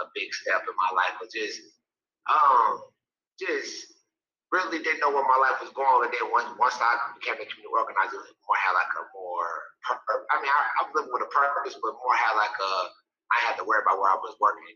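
Easygoing guy from minnesota, lower voice, lots of ums, sounds far off and muffled. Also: quick pace, bright, forceful tone. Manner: easygoing, many fillers and restarts. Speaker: community organizer. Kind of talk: casual interview talk.

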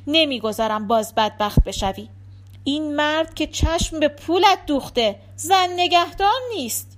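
A woman voicing a bossy middle-aged housewife who scolds sharply and shouts at times. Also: sits high, animated, noisy background, voice pushed up. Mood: scolding.

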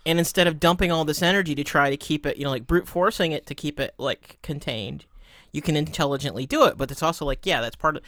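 Male podcast guest, light higher voice, halting explanatory delivery, dry sound. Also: a bit bright, no echo. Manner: stumbling restarts, explanatory. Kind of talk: casual explanation.

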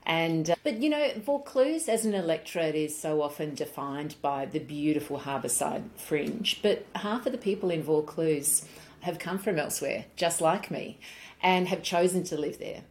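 A woman's voice: low-pitched, animated, normal speed, slight background noise. A woman with an Australian accent, from South Australia, chatting as a guest in a friendly, good-humoured interview. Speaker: guest, politician and former journalist. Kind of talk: casual conversational interview.

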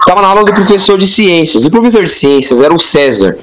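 Young Brazilian man, higher-pitched, swearing storyteller. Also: fast, heavy background noise. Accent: Brazilian Portuguese. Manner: slangy, profane, animated quoting of himself and others. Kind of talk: casual chat, storytelling among friends. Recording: music behind the voice.

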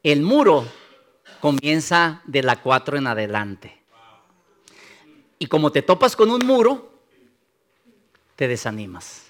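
Lively high-voiced male pastor preaching. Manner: lively preaching, acts out listeners' doubts in quick asides. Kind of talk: sermon.

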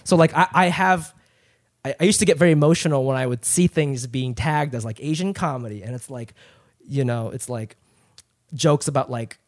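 Born in Japan and raised in Ohio from age eight, this comedian speaks with an American accent as a guest on a casual podcast. He rambles through stories candidly and profanely. His voice is mid-range with a moderate pace.

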